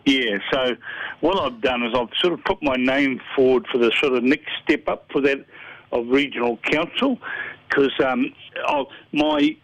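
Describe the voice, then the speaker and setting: Over a muffled telephone line, a council candidate, an older man with a New Zealand accent, answers interview questions. His mid-range voice has lively intonation and a slightly slow pace in a dry recording, and he speaks earnestly and plainly while groping for words.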